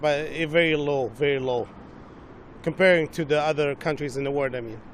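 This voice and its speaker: A man from Russia giving a halting street-interview answer in non-native phrasing. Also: on the high side, a little hiss or hum. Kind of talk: street vox pop answer.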